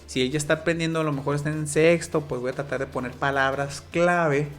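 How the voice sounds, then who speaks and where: A man's voice: fairly high pitch, fairly even intonation, a little fast. A man with a Mexican Spanish accent, a sign language interpreter guest, explaining patiently with examples in casual interview talk.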